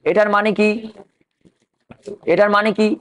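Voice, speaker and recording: A male history teacher delivers an exam-prep lecture in a high-sitting, flat, unhurried voice. He spells out names letter by letter and poses questions that he then answers himself.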